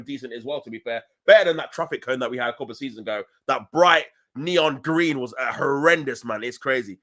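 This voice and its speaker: A man's voice: medium pitch, fairly bright tone. A young man hosting a casual football live stream, reading chat messages in loose, slangy talk and laughing often.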